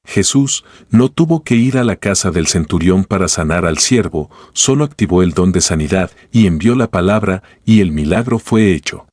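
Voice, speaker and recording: Deep-voiced man reading devotional text. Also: lively intonation, a little mellow, no echo, clean studio sound. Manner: measured reading, slowing on scripture references. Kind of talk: read-aloud devotional teaching.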